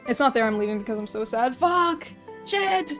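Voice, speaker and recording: Young woman, casual livestream chat while drawing, rambling, self-deprecating, fairly high voice, faint music behind. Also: fairly even intonation, very fast. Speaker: art streamer.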